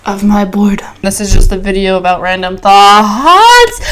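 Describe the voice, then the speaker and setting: A woman's voice: mid-range voice, lively intonation, takes it slowly, a bit bright. A young woman doing a scripted comedic vlog monologue at home into a close mic, in a mock commercial-style voice. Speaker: YouTuber. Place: home, indoors.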